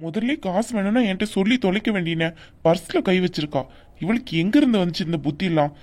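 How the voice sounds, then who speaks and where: A woman's voice: fairly low pitch, lively intonation, fast talker, darkish tone. A woman voicing a hot-tempered young man in a cartoon, scolding his family with indignant outbursts. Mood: angry. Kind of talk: animated cartoon voice acting.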